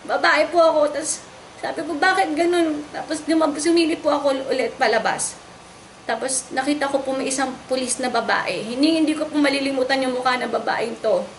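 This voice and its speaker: Distressed young woman, high voice. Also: fairly even intonation, a little hiss or hum. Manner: distressed, polite, halting and repetitive. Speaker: wife recounting a raid on her home. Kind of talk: emotional testimony to camera.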